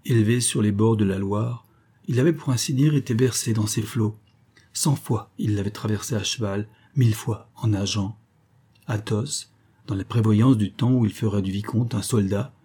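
A man reads a classic novel aloud in a steady, measured way. His voice sits low and dark with a slightly husky grain. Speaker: audiobook narrator. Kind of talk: scripted narration of a novel.

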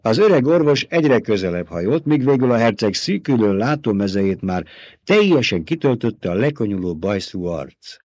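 Calm male audiobook narrator. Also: fairly low pitch, no echo. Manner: measured, calm storytelling.

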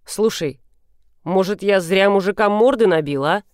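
A blunt, grumbling young man who rescues a stranger and then sulks about it, read by a woman in her own near-normal voice. His lines come out short and gruff. The recording is close and dry, with no room sound. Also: mid-range voice, normal speed, a little mellow, no room sound, natural voice. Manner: grumbling, curt.

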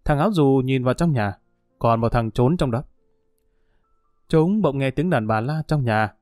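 A man's voice: mid-range voice, animated, normal speed, a little mellow, no room sound, clean studio sound, soft background music. Man narrating a crime story.

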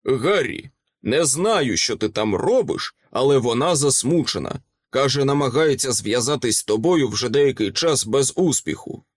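A man voicing a calm, patient grown man who talks mildly and hesitantly. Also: mid-range voice, normal speed, lightly acted.

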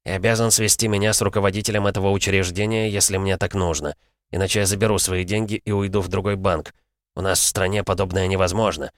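A man voicing an impatient, irritable American man in an audiobook, gruff and grumbling. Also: low-pitched, fairly even intonation, fast talker, dry recording, clean studio sound, lightly acted. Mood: irritated.

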